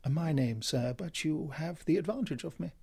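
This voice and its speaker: Gentleman detective, played by a man, audio drama. Imperturbable and dryly amused, slightly rough voice, animated intonation. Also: mid-range voice, normal speed. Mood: blandly amused. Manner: precise, bland, imperturbable.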